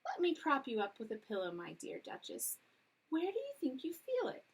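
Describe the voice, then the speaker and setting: A woman's voice: high voice, huge pitch swings, moderate pace, breathy edge, voice pushed up, heavily acted, low-quality recording. Woman doing a prim, severe lady cat. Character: prim lady cat hostess, proper and firm.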